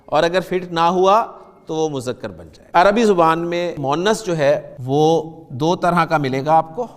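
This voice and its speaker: A man's voice: on the high side, in a large hall. A man teaching a beginners' grammar lesson, patiently explaining step by step and asking the class questions.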